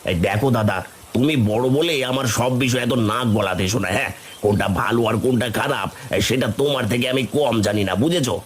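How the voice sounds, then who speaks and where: A man's voice: medium pitch, fast talker, a little hiss or hum, close to an everyday voice. A man voicing a stubborn, touchy younger brother in a cartoon, dismissive and defiant. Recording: background music.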